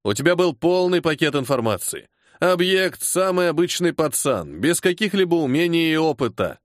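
A man's voice: on the high side, big pitch swings, moderate pace, no room sound, clean studio sound, voice pushed up. A man voicing a weary grumbling colonel. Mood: irritated. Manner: gruff, sarcastic, grumbling. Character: weary irritable older male colonel, security service chief.

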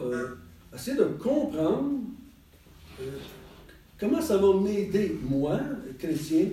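Here the same kind of scene: a Quebec-accented man teaching a relaxed group Bible lesson, talkative and digressive, frequently breaking into laughter. His high, mellow voice comes through a far-off mic in an echoing room.

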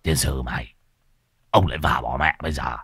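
A deep, growling old coffin-maker , as a man puts him on, who snaps curt and cursing orders. He speaks in a low, dry register in this told folk tale. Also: steady tone, a little fast, fairly bright tone, slightly rough, no echo, exaggerated voice. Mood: gruff. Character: gruff, bossy old village coffin-maker.

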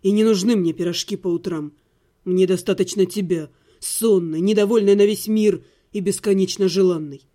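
A woman reader voicing a brooding male necromancer, the narrator's ex-husband, lowering her voice into a husky male register. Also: moderate pace, close to an everyday voice. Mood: low tender. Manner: shouting in despair, then low and insistent. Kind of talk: audiobook character voice.

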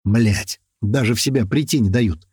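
A man reading a first-person action story aloud, switching to loud, higher voices for the characters. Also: normal speed, breathy edge, no room sound, clean studio sound. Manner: lively, raising pitch and shouting for quoted characters. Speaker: audiobook narrator.

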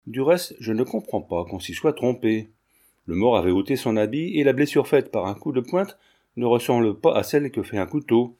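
A man's voice: mid-range voice, mellow. A man voicing a shrewd, forthright elderly lawyer who speaks bluntly, in a storybook reading. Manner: blunt, exclaiming.

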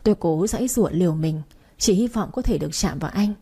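A woman's voice: on the low side, animated, quick pace, mellow, slightly rough. A woman narrating a first-person novel as an audiobook, reading in an emotional, sorrowful way.

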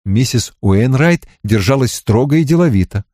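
Guy reading an audiobook, dark mellow voice, really expressive, dry close sound. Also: medium pitch, moderate pace, no echo. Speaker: narrator. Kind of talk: audiobook narration of a novel.

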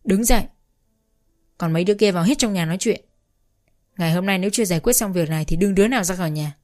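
A woman's voice: on the low side, fast talker, darkish tone, lightly acted. A woman voicing an enraged old father-in-law who barks threats and orders. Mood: furious. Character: stern father-in-law, furious old man.

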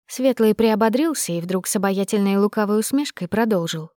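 Female narrator, first-person audiobook, expressive measured delivery, dry close mic, mid pitch. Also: no room sound.

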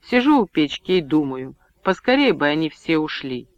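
A man reading an audiobook, voicing a distraught young village woman in a soft, pleading way that rises high when she is upset. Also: big pitch swings, moderate pace, no room sound, dull audio.

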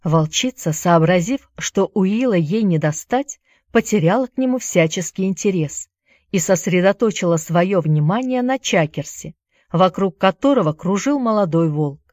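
A woman narrating a story in a steady storytelling manner. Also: lowish voice, normal speed, no room sound, studio quality. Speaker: audiobook narrator. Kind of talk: scripted narration.

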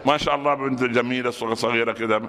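A man with an Egyptian accent giving a Friday sermon, colloquial and animated, sometimes breaking into sudden shouts. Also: mid-range voice, very fast. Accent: Egyptian Arabic. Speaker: preacher. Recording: long hall reverb.

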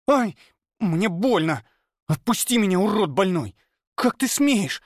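A spoiled, hot-tempered young noble girl shrieks in a shrill voice pitched far above the reader's own, as a man puts her on. She snaps and hisses at everyone around her. The audiobook sound is dry and close. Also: expressive, slow pace, dry recording, full character voice. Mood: shrieking.

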